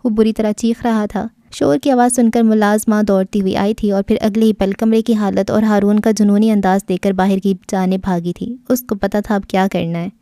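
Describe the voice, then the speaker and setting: A woman narrates an audio novel in a mellow, warm voice with steady, expressive storytelling. The recording is close and dry, with no room sound. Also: medium pitch, hardly any pauses, no echo. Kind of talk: dramatic novel reading.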